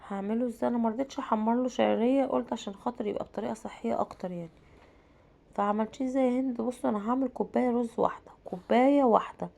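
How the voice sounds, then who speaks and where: Egyptian woman vlogger with a cold, dark gravelly voice, chatty self-Q&A narration. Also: on the high side, rapid-fire, hardly any pauses. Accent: Egyptian Arabic. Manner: chatty, asks herself questions and answers them. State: has a cold. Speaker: home vlogger and mother. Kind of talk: casual cooking vlog narration.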